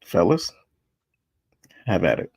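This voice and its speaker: A man's voice: deep voice, big pitch swings, slow, gravelly, a little mellow, slightly rough, no room sound. A man hosting a casual wrestling chat with friends, laid-back and rambling, laughing easily. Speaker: host running a wrestling bracket show.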